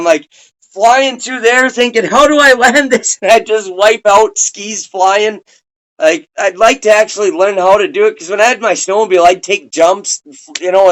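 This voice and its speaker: Casual male interviewer from Minnesota, high voice, loose rambling delivery. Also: fairly bright tone, low-quality recording. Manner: laid-back, rambling, swears casually.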